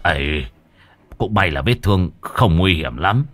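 A man's voice: sits low, animated, measured pace, fairly bright tone, faint music behind, voice pushed down, exaggerated voice. A man voicing a wounded old village chief who stammers grimly in a storybook tale. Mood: strained. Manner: stammering, grim and strained.

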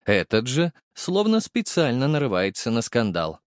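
A man reading a first-person audiobook in a measured, steady storytelling style. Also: medium pitch, no room sound, studio quality. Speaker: audiobook narrator. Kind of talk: scripted first-person narration.

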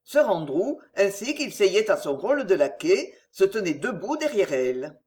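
A narrator reading a classic novel aloud in an expressive literary style. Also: mid-range voice, normal speed. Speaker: audiobook narrator. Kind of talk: scripted narration.

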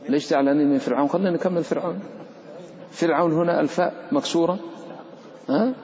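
A man teaching a live class on recitation, moving between explaining rules and chanting verse examples. He questions his students and jokes with them as he goes. The sound is dull and low-fi, and his voice echoes through a large hall with long reverb. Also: fast talker. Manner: lively, questions and teases the students. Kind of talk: live tajweed lesson.

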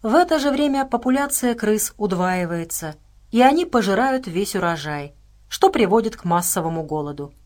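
A woman's voice: medium pitch, lively intonation, normal speed, a little mellow, close to an everyday voice. A woman doing an earnest worried woman scientist. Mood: grave. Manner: explains patiently, lecturing tone.

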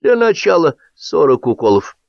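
A man's voice: fairly high pitch, big pitch swings, moderate pace, creaky, darkish tone, no echo, voice pushed up. A man voicing a gloomy, curt male doctor in an audiobook reading. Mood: stern. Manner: grim, curt. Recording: dull dry audiobook recording.

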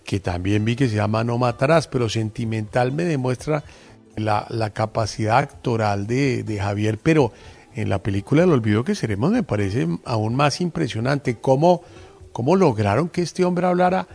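A man hosting a radio interview, speaking effusively and admiringly with drawn-out phrasing. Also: medium pitch, gravelly, a little mellow.

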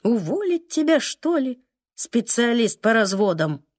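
A woman's voice: fairly high pitch, very animated, measured pace, darkish tone, dry recording. A woman doing a bossy old grandmother. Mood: commanding. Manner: commanding, dry. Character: bossy stern grandmother, over 60.

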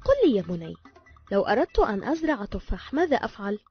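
A woman voicing a gentle, patient father who calmly explains a life lesson to his son in a told story. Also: medium pitch, fast, slightly rough. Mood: teaching. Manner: calm, explaining. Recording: lo-fi with faint music.

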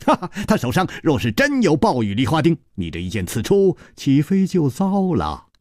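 A man's voice: fairly high pitch, wildly swooping pitch, normal speed, a little mellow, no echo, studio quality. A man voicing a cheerful, clever swordsman hero who banters and teases in a storytelling performance. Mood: teasing. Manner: bantering, laughing, teasing.

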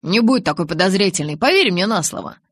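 Woman reading a hurt young man, low-pitched, pressing, dry close sound. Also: expressive, fast talker, fairly bright tone, slightly rough, no echo, full character voice. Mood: coaxing. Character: young man, wounded, hurt but teasing friend. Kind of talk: audiobook reading.

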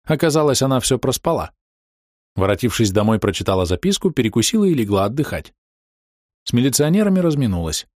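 A man narrating an audiobook in the first person with an expressive, storytelling delivery. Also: mid-range voice, quick pace, no room sound, studio quality.

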